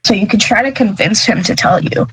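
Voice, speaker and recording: A woman's voice: medium pitch, a little fast, slightly rough, no echo, poor audio. Woman game master with a dry sound. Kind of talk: narrating a tabletop game.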